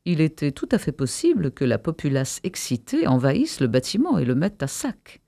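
A man presenting and reading aloud an excerpt of a novel, expressive with a few hesitations. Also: on the high side, moderate pace, vocal fry, no echo. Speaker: radio presenter and reader.

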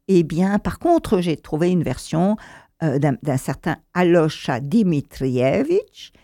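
A woman's voice: deep voice, vocal fry, dark tone, no room sound, clean studio sound. A woman introducing songs as a presenter, talking hesitantly with many fillers and restarts. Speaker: presenter of a show.

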